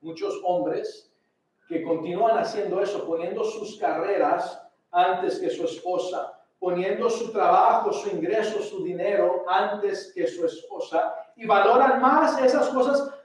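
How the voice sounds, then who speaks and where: A male pastor preaching a sermon, emphatic, slowing down and dropping to a hush to stress his words. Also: high voice. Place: church sanctuary. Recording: very echoey sanctuary from far off.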